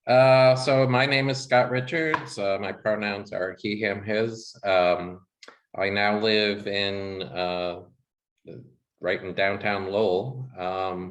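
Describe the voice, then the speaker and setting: A man with a lowish voice speaks very slowly and casually in an online meeting, pausing often. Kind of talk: casual self-introduction.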